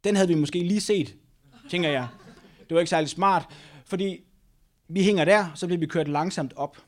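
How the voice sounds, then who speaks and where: A man with a fairly high voice delivers a sermon in an engaging storytelling manner. He often repeats phrases and checks in with little tag questions. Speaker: preacher.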